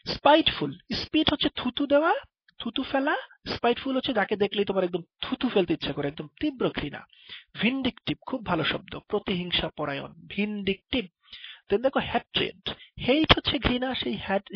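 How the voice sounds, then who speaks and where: A man's voice: sits high, vocal fry, breathy edge, dry recording. A man teaching vocabulary, explaining each word with playful memory tricks and speaking straight to the student. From Bangladesh. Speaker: vocabulary tutor. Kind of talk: spoken vocabulary lesson. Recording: dull lo-fi dry recording.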